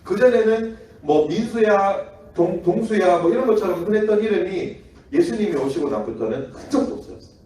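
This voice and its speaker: Lively man preaching in an echoey church hall. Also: high-pitched, a little fast, far from the mic, a little hiss or hum. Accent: Gyeongsang. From Daegu. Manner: lively, acts out quoted voices, laughs often. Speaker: children's ministry preacher. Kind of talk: children's sermon with storytelling.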